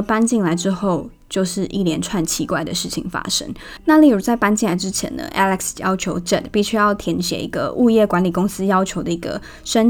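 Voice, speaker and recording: A woman with a Taiwanese Mandarin accent, hosting a casual storytelling podcast and telling it in a chatty, animated way. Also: medium pitch. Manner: chatty and animated, laughing at her own stories. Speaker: podcast host.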